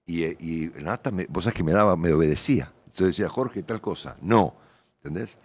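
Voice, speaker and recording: Talking at a quick pace in a low voice, a middle-aged Argentine man with decades in radio journalism rambles colloquially through an interview. He speaks with an Argentine Spanish accent, leans on tag questions, and there's no echo.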